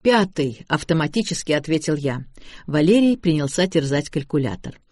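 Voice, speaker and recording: A man narrating an audiobook in the first person, measured with a dry ironic tone. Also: on the high side, very animated, warm tone, no echo.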